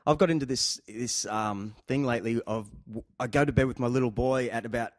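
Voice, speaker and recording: A man's voice: mid-range voice, brisk, no echo, clean studio sound. An Australian man hosting a casual chat interview, talking in a rambling, joking and teasing way. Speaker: show host.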